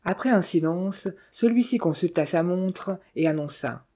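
An audiobook narrator reading a classic adventure novel in a measured, even way. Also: medium pitch. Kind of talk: scripted literary narration.

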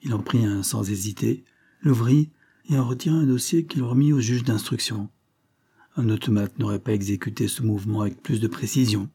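A man reading a classic novel aloud in measured, even scripted narration. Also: lowish voice, husky. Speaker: audiobook reader.

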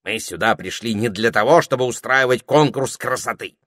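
A man's voice: mid-range voice, normal speed, a bit bright, dry recording, studio quality, voice pushed up, close to an everyday voice. A man voicing a cheerful, teasing male parrot in a storybook reading. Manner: jaunty, teasing, soothing.

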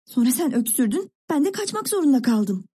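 A woman voicing a thoughtful teenage older sister who confides a secret in a musing, hushed way. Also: high voice, big pitch swings, fairly quick, breathy edge, voice pushed up, heavily acted. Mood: insistent.

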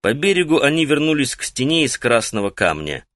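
Calm male audiobook narrator, dry sound. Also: mid-range voice, a little fast, dry recording. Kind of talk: scripted narration.

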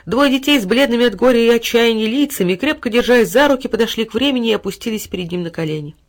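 A narrator reading a fairy tale aloud in an expressive, dramatic way. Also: mid-range voice, quick pace.

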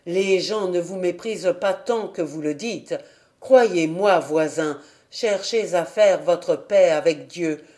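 Measured, persuasive village pastor in a storybook reading; a narrator does him, calm and earnest. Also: mid-range voice, lightly acted. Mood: conciliatory. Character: earnest village pastor, middle-aged man. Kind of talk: audiobook character reading.

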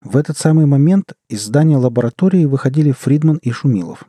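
A man narrating an audiobook in a measured, low-key manner. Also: animated, dark tone, no room sound, studio quality. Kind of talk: scripted narration.

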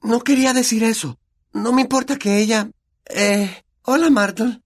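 A man with a Latin American Spanish accent voicing a clever, bossy schoolgirl who talks in a brisk, earnest way. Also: very high-pitched, pitched above the performer's own voice. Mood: flustered. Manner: brisk, earnest, a bit know-it-all.

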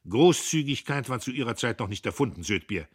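A man doing a haughty, cowardly young factory owner, curt and condescending, his voice lifted a little above the reader's own. It has a husky grain, told as a storybook reading. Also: mid-range voice, expressive, fairly quick, pitched above the performer's own voice.

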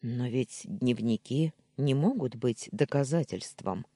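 A calm, commanding young man gives quiet orders in a storybook reading, as the narrator puts him on. He keeps his voice low and measured. The tone is dark and husky. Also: no room sound. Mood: stern.

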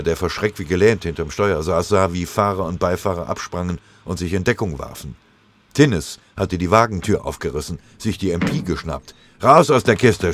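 A man's voice: deep voice, a little hiss or hum. A man reading a war story aloud in a dramatic, vivid storytelling manner. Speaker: narrator. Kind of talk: scripted audiobook narration.

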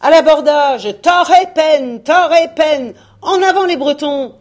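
A woman voicing a band of fierce male sailors shouting battle cries as they board an enemy ship. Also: high voice, slow, pitched above the performer's own voice.

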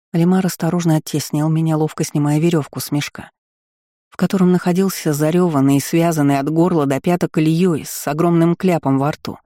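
A man narrating an audiobook in an expressive reading. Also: a little high, no room sound, clean studio sound. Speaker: audiobook reader. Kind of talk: scripted narration.

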